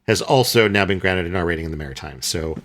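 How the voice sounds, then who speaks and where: A man with a fairly low voice co-hosts a casual film podcast. He rambles in an easygoing way, restarting sentences and filling pauses with "uh" and "um" as he works out his thoughts. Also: expressive, a bit bright. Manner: rambling, hesitant with many fillers and restarts. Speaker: podcast co-host.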